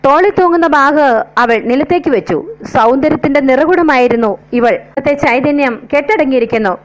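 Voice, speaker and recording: A woman narrating a scripted story in a measured, wistful way. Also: high voice, poor audio.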